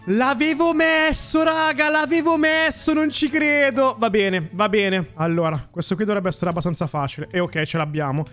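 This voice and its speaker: A man doing casual gameplay commentary for viewers, excitable and often shouting when a shot works. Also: sits high, normal speed, hardly any pauses, soft background music. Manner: excitable, shouts and cheers at successes; addresses viewers as raga and ragazzi. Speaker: gaming YouTuber.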